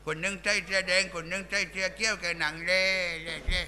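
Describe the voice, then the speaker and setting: A man performs a crude village clown for a live shadow puppet show, speaking in a Southern Thai accent and firing off coarse jokes. His high voice is bright and forceful, steady in tone and fast, with slight background noise and a rowdy, bantering edge.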